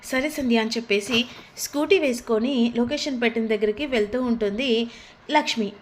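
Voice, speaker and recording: A woman with a high voice recaps a TV serial episode in a chatty, casual way. She strings events together in an easy storytelling manner. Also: moderate pace, a little hiss or hum.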